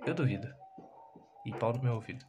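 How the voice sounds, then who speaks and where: Animated but unhurried, a young Brazilian YouTuber shows viewers around his home kitchen and bedroom on a handheld phone, lo-fi music playing behind him. He's playful and self-deprecating in this casual vlog, sliding from mumbled asides into loud outbursts.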